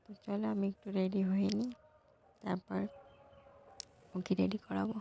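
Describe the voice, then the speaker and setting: A young woman, hoarse from a cold, talking softly to her viewers in a casual vlog. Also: level tone, moderate pace, slight background noise. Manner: soft, low-volume talk. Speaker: vlogger.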